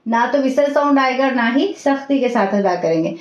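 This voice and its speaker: A woman teaching an online class, reciting each sound slowly and carefully. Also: on the high side, lively intonation. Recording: echoey dull room audio.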